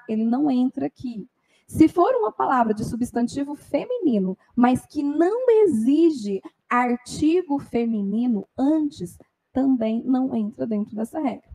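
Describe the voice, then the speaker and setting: High-voiced woman teaching grammar. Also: a little mellow, low-quality recording. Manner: explanatory, frequent "tá?" tag questions. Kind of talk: exam-prep grammar lesson.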